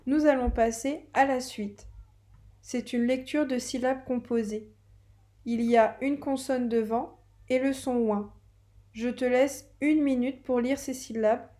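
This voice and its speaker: A woman leads a reading lesson for small children. She speaks slowly and patiently, stressing each sound. Her voice sits a little high but stays soft and mellow. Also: fairly even intonation. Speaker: teacher.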